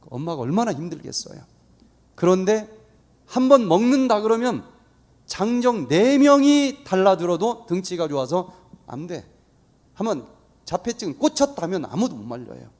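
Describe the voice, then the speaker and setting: A man giving a lively, story-filled talk at a church, acting out the voices of the people in his story. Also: high voice. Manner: animated storytelling, acts out quoted voices. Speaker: guest speaker. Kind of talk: church lecture.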